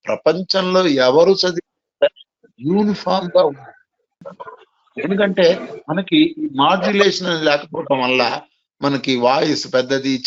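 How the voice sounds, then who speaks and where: A man's voice: fairly high pitch, dull audio. A man giving a classroom lecture on communication skills, spelling key words letter by letter and posing rhetorical questions to his listeners. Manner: asks and answers rhetorical questions.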